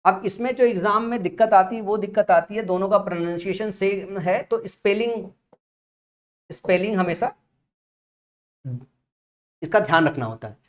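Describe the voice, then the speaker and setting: A man's voice: sits high, normal speed, pauses often. A young man teaching a vocabulary lesson, explaining patiently and asking his students rhetorical questions while writing on a board. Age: young adult father. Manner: often checks in with "theek hai na". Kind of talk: classroom-style vocabulary lesson.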